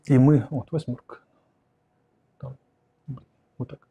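A man's voice: medium pitch, little pitch movement, slow, mellow, husky, dull audio. A man in his forties answering viewer questions on philosophy in a livestream, speaking reflectively and explaining at a whiteboard, recorded on a lapel mic in a curtained studio room. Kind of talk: livestream lecture on philosophy and psychology.

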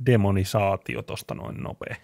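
Gravelly low-voiced man chatting. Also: fairly even intonation, darkish tone, dry recording, studio quality. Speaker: podcast co-host. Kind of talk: casual chat.

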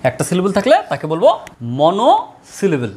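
Woman grammar teacher, animated, stretches out each example word for the class. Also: mid-range voice. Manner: slow drawn-out model words, repeated for students. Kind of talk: classroom lesson.

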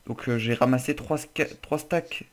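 A man hosting casual game commentary. He sounds chatty and loose, with plenty of joking and casual swearing. His voice sits at an ordinary middle pitch. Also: moderate pace. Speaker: gaming channel host.

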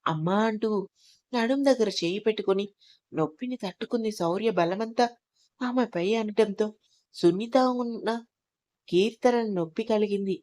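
Female storyteller, calm and even delivery, middle pitch. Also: normal speed, long pauses. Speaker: narrator. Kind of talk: storytelling narration.

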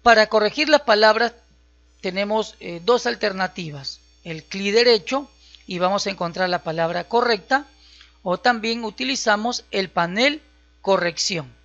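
A teacher narrates a screen-recorded software lesson at a mid-range pitch. The delivery is patient and goes one step at a time, with frequent check-ins. The audio is a bit dull and lo-fi. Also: moderate pace. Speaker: computer skills instructor. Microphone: voice-over on a screen recording.

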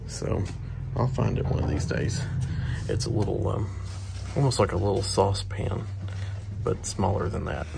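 An antique booth owner casually narrates a walk-through of a large indoor antique mall, filmed on a handheld phone camera with shop noise behind him. His low, gravelly voice moves at a normal speed with frequent pauses, and his manner is relaxed, chatty and steady.

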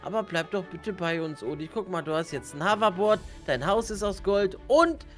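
A woman's voice: on the low side, animated, moderate pace, faint music behind. A woman coaxing and pleading with a friend in a casual game role-play.

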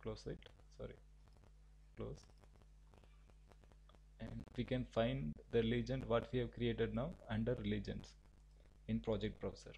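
A man teaching a software tutorial, giving halting step-by-step instructions with frequent restarts. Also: mid-range voice, fairly even intonation, creaky, husky, rough recording. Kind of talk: screen-recorded software tutorial.

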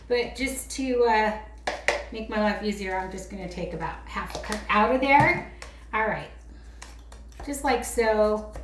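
A woman's voice: a little high, background noise. A woman vlogger chatting casually while making a craft, rambling and teasing herself as she goes. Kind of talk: casual how-to chat. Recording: roomy echo with faint clicks.

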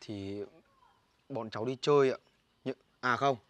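A man's voice: mid-range voice, unhurried, lightly acted. A man with a Northern Vietnamese accent playing an exasperated older brother who scolds his little sister in a village comedy sketch. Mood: pleading. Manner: scolding, exasperated, loud complaining.

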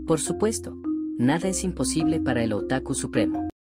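A man playing an earnest, lovesick young anime fanatic in an animated comedy. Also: medium pitch, brisk, over loud music, natural voice. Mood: eager.

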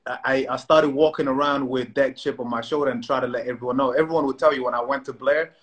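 A man's voice: mid-range voice, steady tone, fast, fairly bright tone. A middle-aged man from South Sudan, telling his story in casual chat on a phone video call, with many restarts and "you know"s. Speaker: co-host. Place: indoor room at home. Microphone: phone camera video call.

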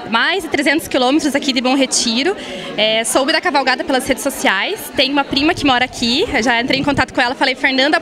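A young woman answering an interview at a rural riding event, eager and quick. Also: high voice. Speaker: event participant. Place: indoor hall at a farm event. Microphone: handheld mic. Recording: crowd chatter behind.

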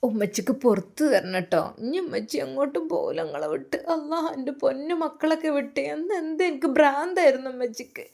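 A tearful young mother with a Malappuram lilt, acted by a woman, begging her children's forgiveness between sobs. She talks softly and keeps her voice up on the high side. The piece is a storybook-style spoken tale. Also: animated, quick pace, vocal fry, few pauses. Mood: tearful pleading. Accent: Malappuram Malayalam. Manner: soft, pleading, tearful. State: crying.

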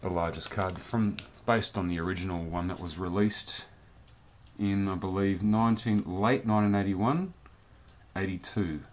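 A man's voice: deep voice, moderate pace, a little hiss or hum. A man casually reviewing a collectible toy in a rambling, chatty vlog from his home beer cellar. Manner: chatty, rambling, loose slang.

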